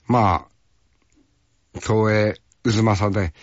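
A man from Fukuoka who works as an actor recalls a film shoot in casual, unhurried storytelling. He speaks in a rough, folksy way and keeps adding little tag questions. The recording is dry and slightly muffled. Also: fairly low pitch, steady tone, no echo.

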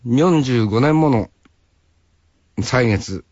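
A man's voice: medium pitch, lively intonation, very slow, darkish tone, no room sound, muffled recording. A man in his sixties from Hokkaido, hosting a radio show with a rambling, folksy monologue that he speaks straight to the listener. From Hokkaido, Japan. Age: 60s. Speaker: radio host.

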